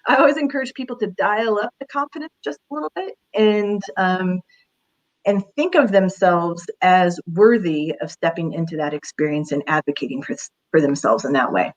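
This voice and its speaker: A woman's voice: on the low side, moderate pace, highs cut off. A woman career counselor giving casual advice in an interview, talking in a chatty way with many fillers.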